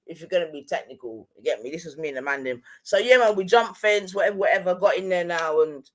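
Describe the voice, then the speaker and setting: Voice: mid-range voice, lively intonation, fast talker. Casting: middle-aged Londoner, roadman slang and accent, casual anecdote-teller who keeps checking the listener follows. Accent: London, street slang. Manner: London roadman way of talking, slangy, frequent tag questions. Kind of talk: casual storytelling chat.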